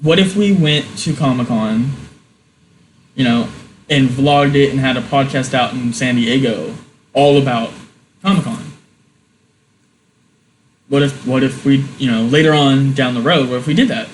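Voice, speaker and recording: A man chatting casually on a podcast, his voice sitting in an ordinary middle pitch. He rambles, backs up and restarts his sentences, and a faint room hum runs underneath. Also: unhurried, long pauses, poor audio. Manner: rambling, full of restarts and fillers. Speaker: podcast co-host. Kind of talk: casual chat.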